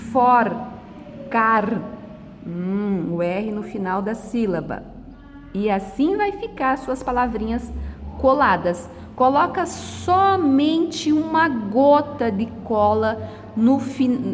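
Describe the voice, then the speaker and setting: Slight background noise and a big-room sound surround a middle-aged woman from Brazil whose voice runs somewhat high. Patient and deliberate, she drags out each word while taking students through a lesson step by step.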